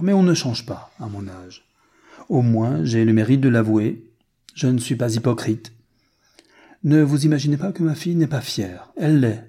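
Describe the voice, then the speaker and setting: A man's voice: mid-range voice, warm tone, husky. Proud old marquise, read by a man. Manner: haughty, stiff and formal.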